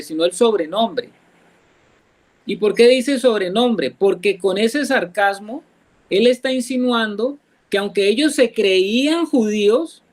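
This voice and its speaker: A Colombian man with a notably high voice leads a church Bible study. He explains each verse patiently and keeps putting questions to his listeners. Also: low-quality recording. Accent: Colombian Spanish. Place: church, class also joined online.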